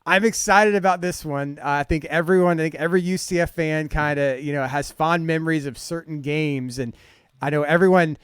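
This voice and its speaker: Man, sports host, smooth crisp voice, dry sound, casual, halting. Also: a little high, no echo. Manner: relaxed, halting with fillers. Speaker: podcast host.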